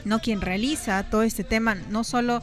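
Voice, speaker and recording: A woman's voice: a little high, fairly even intonation, moderate pace, soft background music. A woman co-hosting a radio show with a Peruvian accent, chatting and reading news with frequent "¿no?" fillers. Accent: Peruvian Spanish. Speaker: radio co-host.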